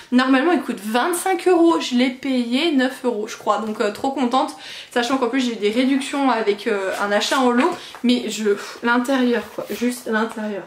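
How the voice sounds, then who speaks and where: Woman, high voice, book vlogger, casual unboxing chat, gushing, self-mocking, echoey room.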